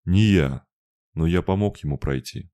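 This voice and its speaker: A man voicing a weak, gentle male spirit creature who speaks in a tired, rustling way. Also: low-pitched, a little slow. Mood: weary. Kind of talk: audiobook narration.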